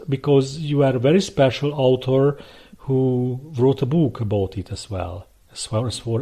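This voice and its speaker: Here an earnest male podcast host speaks in a mellow, medium-pitched voice. He reads a scripted intro and poses interview questions in a formal manner, slipping in some hesitant fillers as he asks.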